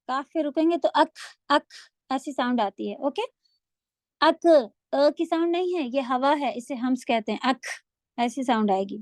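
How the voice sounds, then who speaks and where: A woman teaching an online Quran recitation class, repeating sounds slowly for her students to copy and mixing in English words. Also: high-pitched, darkish tone, no room sound. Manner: mixes English words into speech. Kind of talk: online tajweed lesson.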